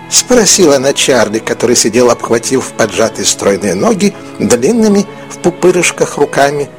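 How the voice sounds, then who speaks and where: A man narrating an audiobook in an expressive, melodic storytelling manner. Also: mid-range voice. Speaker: audiobook reader.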